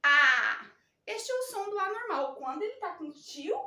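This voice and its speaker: A woman teacher, telling a story to young children in an animated, sing-song reading lesson. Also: very high-pitched, brisk. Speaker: primary school teacher. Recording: echoey room, distant mic.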